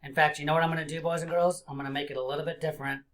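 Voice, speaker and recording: A man in his forties teaching young children like a kids show host, encouraging them with simple questions and pauses. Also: a little high, flat delivery. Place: small indoor room.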